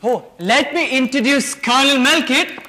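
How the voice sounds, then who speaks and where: A nervous young sculptor, played by a man, who talks in a hurried, covering way. His voice sits very high and bright. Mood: flustered. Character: flustered young male sculptor hiding things. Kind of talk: amateur stage comedy acting.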